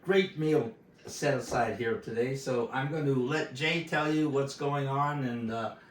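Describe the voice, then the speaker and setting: A man's voice: medium pitch, unhurried. Friendly guy hosting a cooking show, sounds far away in a roomy kitchen. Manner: friendly, brief affirmations. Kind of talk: casual chat. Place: home kitchen. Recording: echoey kitchen from far off, faint hiss.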